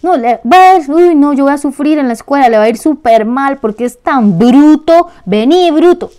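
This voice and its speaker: Brief: woman putting on a shrill, scornful Costa Rican mom, loud and exasperated, high-pitched. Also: animated, normal speed. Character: harsh scolding mother belittling her little boy.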